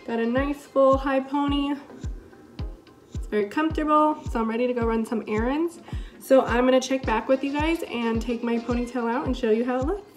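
Recorded indoors in a living room with background music, a young woman gives an informal, chatty product demo. She speaks fairly quickly in a high voice with fairly even intonation.

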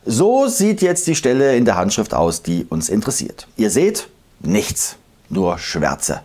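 Male history narrator, lower voice, lively animated delivery, scripted lesson read. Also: soft background music. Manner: lively, emphatic explainer who slows to recite old verses. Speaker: history video host.

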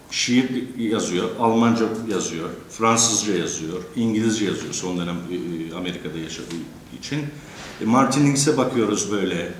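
A man giving a courteous academic lecture, pausing often with drawn-out fillers and addressing the teachers in his audience. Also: lowish voice, a little hiss or hum. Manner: hesitant, many drawn-out fillers. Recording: echoey lecture room.

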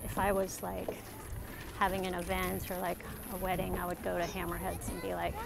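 A woman's voice: on the low side, monotone, fairly quick, vocal fry. A woman giving a casual, rambling live walking tour of a waterfront village at night, filmed on her phone as she walks and often correcting herself. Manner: chatty, rambling, self-correcting. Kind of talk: casual live-stream narration. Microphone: phone held while walking. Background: loud music from bars and live bands.

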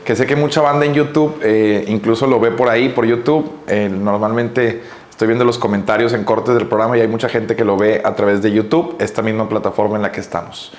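A man hosting his own vlog in casual chat, relaxed and joking, talking at home and later from a car. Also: lowish voice, brisk, hardly any pauses, echoey room. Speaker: vlog host.

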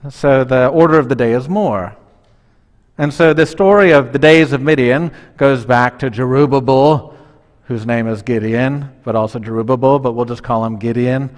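Joking pastor in a reverberant church. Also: male voice, mid-range voice, normal speed. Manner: conversational and humorous, acting out voices, gesturing. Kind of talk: sermon. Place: large church sanctuary, standing at the altar.

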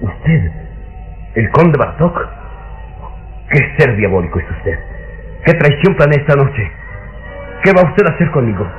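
Indignant frightened captive, agitated, animated delivery, vintage radio drama, dull sound, faint music. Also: male voice, medium pitch, unhurried, pauses often. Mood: alarmed, indignant. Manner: agitated, demanding. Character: frightened, indignant bourgeois gentleman held captive. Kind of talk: old radio drama acting.

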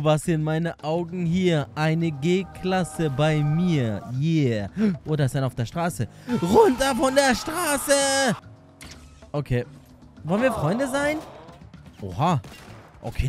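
A man's voice: on the high side, sing-song, measured pace, over music. A young man giving hectic, jokey running commentary on his gameplay, often pleading with the game. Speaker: gaming YouTuber.

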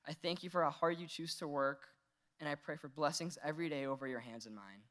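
Talking fast in a slightly high, fairly bright voice, a teenager from Iran delivers his valedictorian speech at a podium mic on a large indoor stage. It's an earnest graduation address with light humor and laughs mixed in.

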